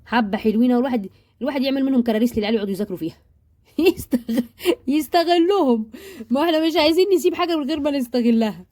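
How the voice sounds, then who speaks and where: A woman's voice: on the high side, animated, racing, a little mellow. A woman with an Egyptian accent, chatting to viewers as a baking vlogger, joking while she shows off her purchases. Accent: Egyptian Arabic. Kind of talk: casual chat to viewers.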